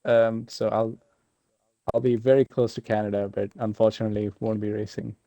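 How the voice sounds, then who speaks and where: A man talking casually after winning a sim race, halting with many fillers and restarts. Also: fairly low pitch, little pitch movement, warm tone, dry recording, dull audio. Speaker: sim racing driver, race winner. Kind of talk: casual post-race interview.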